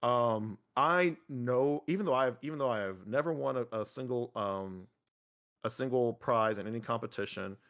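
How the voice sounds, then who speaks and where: A young man chatting casually as a podcast guest, animated and rambling, full of fillers and restarts. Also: mid-range voice, normal speed, smooth, muffled recording. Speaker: podcast guest, miniature painter. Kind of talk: casual conversational interview.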